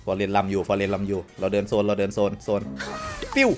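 A man with a slight cold giving excitable gameplay commentary to viewers, often exclaiming and repeating words. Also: fairly low pitch, fast, music in the background. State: has a cold, voice sounds odd. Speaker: game streamer.

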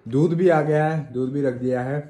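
A man's voice: on the high side, steady tone, normal speed, warm tone, soft background music. A man in his thirties chatting casually in a family vlog, explaining things at length. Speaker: vlogger.

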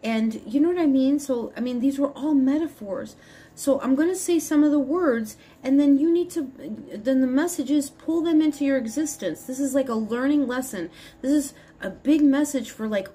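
At home in a small room, a spiritual advisor in her fifties speaks to her phone camera held at arm's length. Her high voice is warm and moves at a normal speed as she gives a casual, earnest spiritual talk that meanders and often restarts mid-sentence.

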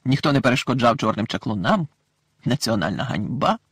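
A man voicing a tired, patient middle-aged wizard father who talks in a calm, sighing way, in an audiobook. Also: medium pitch, a little fast, husky, dry recording, studio quality, exaggerated voice. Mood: weary.

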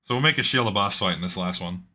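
An Australian man with a hoarse voice gives casual, excitable gameplay commentary, swearing freely and talking to himself as he plays. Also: deep voice, fast talker. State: hoarse, losing his voice. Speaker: gaming channel host. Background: game music.

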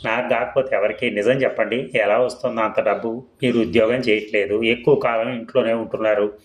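A man voicing an anxious young wife who pleads with her husband, in a low, echoing reading voice. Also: steady tone, fairly quick, lightly acted. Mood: pleading. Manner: worried, pleading. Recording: echoey room.

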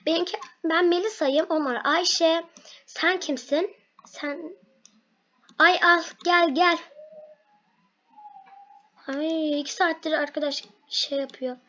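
A young girl chatting excitedly while playing a game, her voice going hoarse from talking loudly at home. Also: high-pitched. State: losing her voice. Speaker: gaming vlogger. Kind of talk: excited gameplay chat. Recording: lo-fi home recording.

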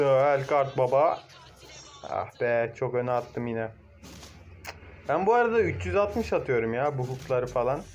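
A young man casually commentating his own mobile game match, excitable, cursing at teammates and shouting now and then. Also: fairly high pitch, slight background noise. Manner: excitable, swears and shouts at teammates, laughs loudly.

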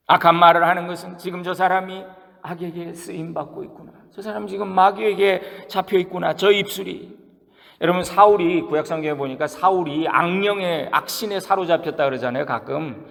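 A man's voice: sits high, normal speed, gravelly, fairly bright tone. A man preaching a sermon as pastor, talking conversationally with the congregation, asking them questions and acting out the quotes he tells. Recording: long reverb of a church hall.

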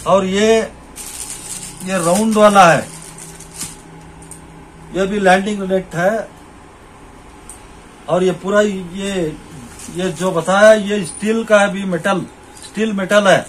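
A middle-aged Indian man speaks slowly in a high, steady voice, leaving long pauses as he casually demonstrates fishing gear to the camera. Standing in a small, cluttered shop, he keeps pointing things out and repeating his points, and the rough recording has a slight hiss or hum.

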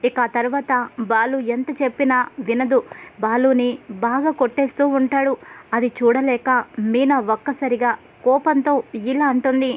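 Woman narrator, high voice, steady storytelling, retelling a serial episode. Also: unhurried, muffled recording. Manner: steady storytelling, reads all parts plainly.

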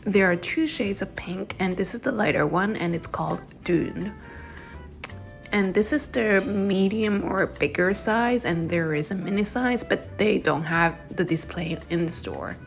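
Young woman chatting through a vlog, friendly descriptive narration, soft music underneath. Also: mid-range voice, measured pace, vocal fry. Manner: chatty, descriptive, reviewing products. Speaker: vlogger.

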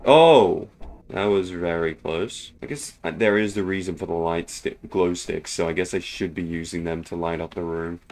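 Low-voiced man narrating a horror game. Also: level tone, normal speed, few pauses. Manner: chatty, thinks out loud, jumpy exclamations. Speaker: gaming video host. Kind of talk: casual horror game commentary.

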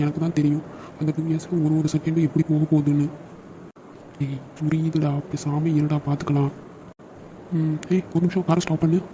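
A quick-talking young man in a cartoon, a caring brother and loyal friend, as a man voices him. His voice sits a little high but sounds very dark and mellow, and he talks with a brotherly, teasing ease. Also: a little hiss or hum, natural voice, poor audio. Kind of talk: cartoon dialogue acting.

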